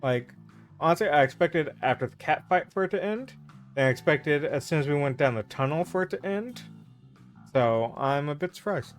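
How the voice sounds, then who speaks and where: A man streaming a game, giving relaxed, chatty commentary. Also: a little high, moderate pace, faint music behind. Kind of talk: casual gameplay commentary.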